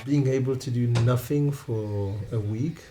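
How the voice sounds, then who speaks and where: Over music, a man in his thirties with a Romanian accent shares relaxed personal anecdotes during an interview in his non-native English. His pitch is medium, and his speech is full of halts, restarts and laughter.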